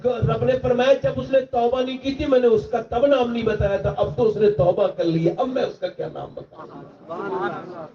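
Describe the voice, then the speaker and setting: Fervent male preacher, high and distant. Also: fairly even intonation. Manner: rises to high, strained shouting during retold dialogue. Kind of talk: impassioned religious speech. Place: large gathering at a shrine. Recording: distant, roomy, dull lo-fi sound.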